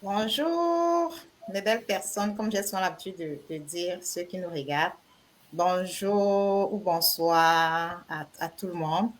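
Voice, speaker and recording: A woman from Cameroon introducing herself on a live stream, slow and halting. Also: on the low side, slight background noise. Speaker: panel guest.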